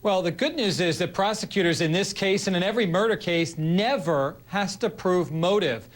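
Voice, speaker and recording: A man's voice: sits high, moderate pace. A man giving legal commentary on a television panel over a satellite link, blunt and confident. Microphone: satellite remote link.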